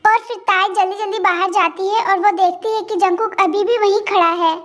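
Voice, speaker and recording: A woman's voice: extremely high pitch, fairly even intonation, brisk, a bit bright. A woman narrating a fan-dubbed romance story in a plain storytelling manner.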